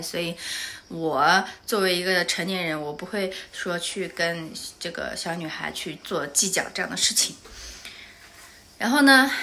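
A woman's voice: fairly low pitch, sharp tone. A woman from Anhui, China, vlogging casually and telling a story animatedly, often turning to the viewer with asides.

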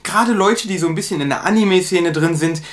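A man from Germany teaching Japanese pronunciation in a casual lesson, slowing down to draw out sample words. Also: high-pitched. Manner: slow, drawn-out demonstration of pronunciations.

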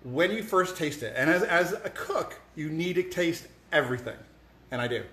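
A man's voice: on the high side, expressive, normal speed, fairly bright tone. A man hosting a home cooking show, chatting casually to the camera with lots of fillers and restarts, in a home kitchen. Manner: rambling, many fillers and restarts. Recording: echoey room.

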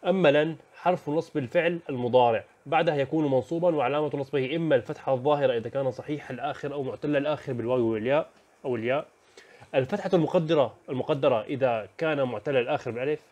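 Fast-talking man giving a lesson overview. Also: medium pitch, a little mellow, lo-fi sound. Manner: brisk, listing topics with fillers and self-corrections. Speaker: teacher.

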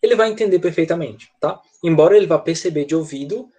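Speaking quickly in a somewhat high, mellow voice, a male teacher patiently explains English pronunciation in an online video-call lesson. He checks in constantly, tacking "tá?" onto each point.

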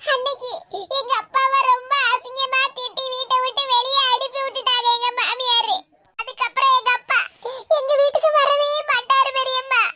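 Shrill high voice, bright, southern Tamil Tirunelveli-Kanyakumari accent, mistreated young wife voiced by a woman, cartoon, tearful, pleading. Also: slight background noise. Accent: southern Tamil, Tirunelveli-Kanyakumari dialect. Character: young daughter-in-law, sorrowful and mistreated. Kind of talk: animated cartoon voice acting.

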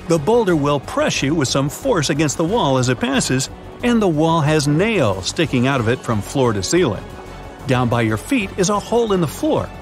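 A man narrating a survival riddle story in the second person, with lively dramatic delivery and quiz questions to the listener. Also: a little high. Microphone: studio voice-over.

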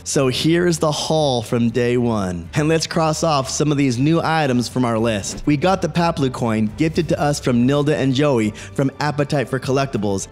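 A man's voice: mid-range voice, big-room sound. A man in his forties, the host, narrating his vlog with upbeat enthusiasm. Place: home studio with toy shelves.

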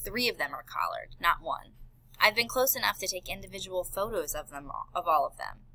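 A woman's voice: lowish voice, fairly quick, sharp tone, rough recording. A woman voicing an earnest male elephant scientist and worried father in an audiobook. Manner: earnest, pleading.

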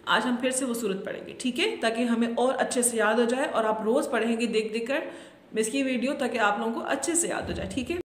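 Woman teacher, high voice, patient nursery Quran lesson, roomy long-reverb sound. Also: a little fast. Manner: patient, repeats "thik hai" often; speaks gently to small children. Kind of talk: children's Quran reading lesson.

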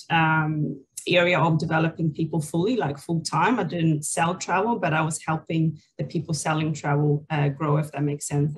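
A Swedish woman in her forties, a native Swedish speaker and people and culture leader, tells her story conversationally and hesitantly as an interview guest. She speaks in a low voice, indoors on a video call, and the audio is poor.

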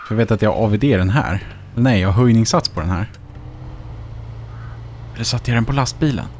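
A man's voice: lowish voice, darkish tone, a little hiss or hum. Chatty Swedish man thinking aloud. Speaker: gaming YouTuber. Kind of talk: casual let's-play commentary.

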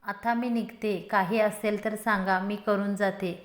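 A woman's voice: medium pitch, steady tone, unhurried, roomy sound, lightly acted. A woman voicing a polite, deferential housemaid.

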